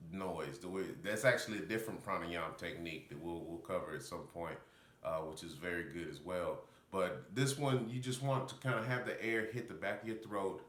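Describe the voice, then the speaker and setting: Deep-voiced, congested man teaching breathing. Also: fairly bright tone. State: congested sinuses. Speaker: breathwork instructor. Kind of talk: casual instructional talk on breathing technique. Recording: roomy echo, faint background noise.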